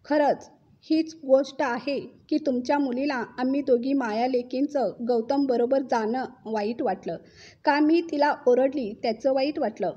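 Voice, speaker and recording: A woman voicing a calm middle-aged mother-in-law who answers in a measured way. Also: high-pitched, dull audio. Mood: firm.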